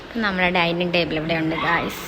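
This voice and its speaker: A woman's voice: fairly low pitch, steady tone, fast talker, background noise. A young woman, chatting casually as she gives a home tour and keeps calling out to her viewers. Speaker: vlogger giving a home tour.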